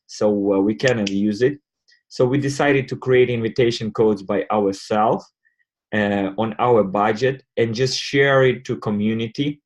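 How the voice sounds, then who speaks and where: A man hosting an online community call, explaining things step by step in a halting way. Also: fairly low pitch. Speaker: host presenting a crypto wallet.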